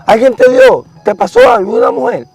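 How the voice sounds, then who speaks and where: A man's voice: huge pitch swings, vocal fry, darkish tone, exaggerated voice, poor audio. A man imitating his worried mother as she anxiously questions her son. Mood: alarmed. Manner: high, anxious, rapid questioning.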